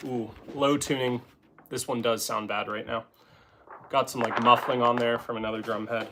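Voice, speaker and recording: Relaxed rambling drummer man. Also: medium pitch, normal speed, heavy background noise. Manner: rambling, relaxed, with many filler words. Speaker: drummer and channel host. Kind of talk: casual live-stream chat. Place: home, playing snare drum between talk.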